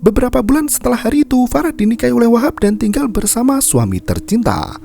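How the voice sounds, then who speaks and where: A man narrating a film recap in a dark, mellow voice that swings widely in pitch. His delivery is scripted and dramatic, and faint background noise sits under the voice. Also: very animated, quick pace, vocal fry.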